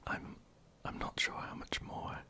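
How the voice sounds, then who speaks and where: An ASMR creator, whispering softly and hesitantly while answering viewer questions into a close microphone. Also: a little slow. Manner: soft, hesitant, many ums and restarts.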